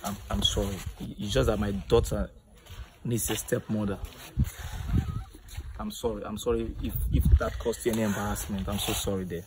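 A man playing a gentle, apologetic father in a comedy skit, with music behind. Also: lowish voice, level tone, normal speed, heavy background noise.

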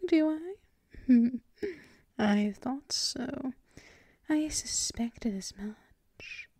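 A woman performs an intimate ASMR roleplay as a gentle, dominant girlfriend, soothing, affectionate and teasing, right up on the microphone. Her fairly high, mellow, expressive voice has a gravelly quality and drifts very slowly between soft murmurs and whispers, with no room sound.

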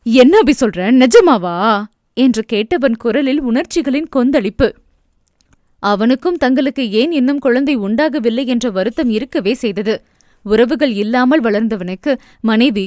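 Woman reading out an audio novel, steady storytelling, fairly high voice, dry close mic. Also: moderate pace, no echo. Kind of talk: scripted narration.

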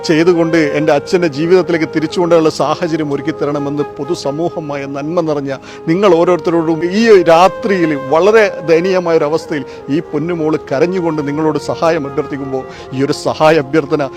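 Fast, fervent man pleading for help. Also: on the high side, fairly even intonation. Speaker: charity appeal vlogger. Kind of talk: emotional fundraising appeal. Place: outdoors in front of a hospital at night. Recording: music playing behind the voice.

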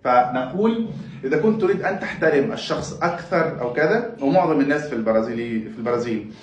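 A man giving a casual video language lesson, saying each phrase slowly and repeating it several times. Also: medium pitch, expressive, darkish tone. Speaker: language teacher. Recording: echoey room, far from mic.

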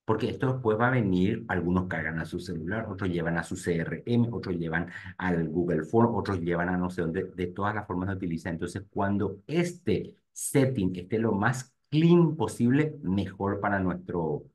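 A low-voiced man leads a live webinar for real estate agents. He speaks straight to his audience and narrates each click out loud as he works through the screens. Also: animated, moderate pace. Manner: talks to "gente" directly while clicking through screens, thinking aloud. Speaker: real estate marketing instructor.

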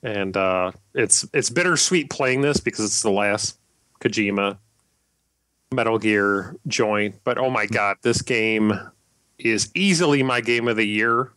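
A man hosting a casual podcast chat, rambling and halting with lots of fillers and restarts. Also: lowish voice, a bit bright, dry recording. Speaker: podcast host.

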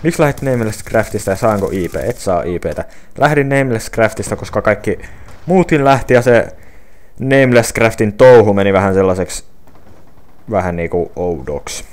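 A man's voice: on the low side, lively intonation. A young man reading viewer questions off his phone and answering them casually, with many fillers and restarts. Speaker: gaming channel creator answering viewer questions.

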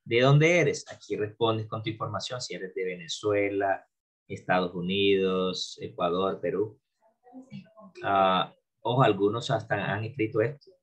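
Slow husky teacher. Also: male voice, on the low side. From Colombia. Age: 40s. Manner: slow drilling repetition of English phrases. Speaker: English teacher. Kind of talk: classroom video lesson.

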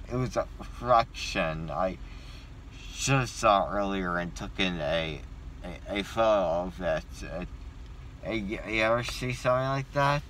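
A young man, groggy from sedation after oral surgery, rambles casually with thick, numb bloody-mouth speech, halting and repeating words. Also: lowish voice. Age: young adult. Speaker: passenger just out of wisdom tooth surgery. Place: inside a moving car. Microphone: phone held at arm's length. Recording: loud car road noise.

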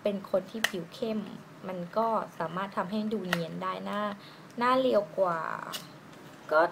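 A woman doing a casual lipstick swatch review, chatty and giggly, musing aloud with drawn-out fillers. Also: medium pitch, gravelly. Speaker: beauty vlogger. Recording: noisy room ambience.

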